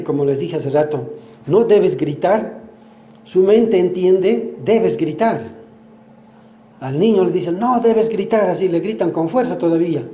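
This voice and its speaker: Older man giving a slow-spoken church talk. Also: a little high, dark tone, echoey room, slight background noise. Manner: teaching with everyday examples, asks the congregation questions. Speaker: church speaker. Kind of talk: sermon.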